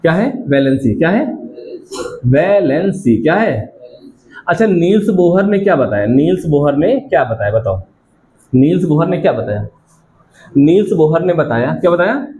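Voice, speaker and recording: A man's voice: a little high, lively intonation, normal speed, dark tone, a little hiss or hum. A male science teacher giving a classroom lecture, repeatedly asking students questions and answering them himself, calling them child affectionately.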